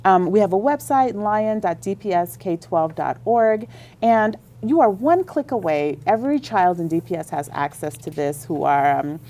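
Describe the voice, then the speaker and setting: With a lowish, warm voice, a school district library leader is interviewed on the radio, going into long, enthusiastic explanations about library services.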